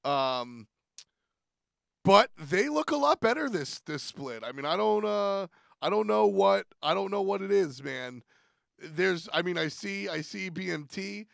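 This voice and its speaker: Rambling, gravelly male streamer. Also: high voice, lively intonation, a little slow, a bit bright, no echo, clean studio sound. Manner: rambling, self-deprecating, playful. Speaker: streamer and weekly show host. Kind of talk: casual stream commentary.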